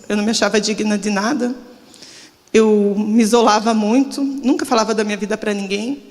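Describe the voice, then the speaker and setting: Pastora brasileira emocionada, voz aguda num salão de igreja com eco longo. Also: female voice, fairly high pitch, a little mellow. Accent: Brazilian Portuguese. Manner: emotional, confessional, trembling with nerves. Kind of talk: testimony sermon. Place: church service. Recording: long church hall reverb.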